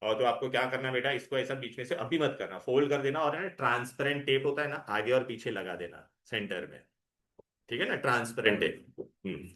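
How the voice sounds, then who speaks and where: A male teacher lectures a live class with a bright, forceful edge to his voice. He coaxes the students along and checks in with them often. The talk stays at an ordinary middle pitch. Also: a little fast. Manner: coaxing, calls students "beta", mixes Hindi and English. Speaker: chemistry teacher.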